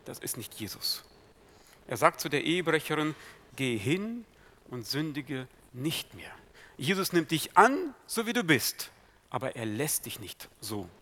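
Man preaching, sermon, bright voice, very animated pitch, loud-to-hushed swings. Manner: dramatic swings from loud to hushed, quoting Jesus slowly.

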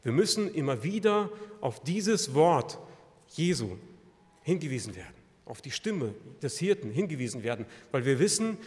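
German-speaking preacher in a reverberant hall. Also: male voice. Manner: swings between loud emphatic peaks and quiet low phrases; repeats and restates phrases for emphasis. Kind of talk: sermon. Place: church hall.

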